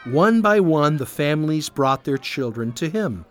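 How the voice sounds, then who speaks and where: Animated man reading a kids' story. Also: fairly high pitch, a little slow. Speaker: children's storyteller. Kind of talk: scripted narration for kids.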